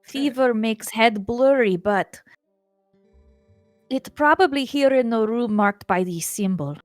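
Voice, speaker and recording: A woman voicing a small, sick female yeti wife with a put-on Russian accent, talking in halting broken English. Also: on the high side, lively intonation, dry recording, soft background music, voice pushed up. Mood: feverish, pleading.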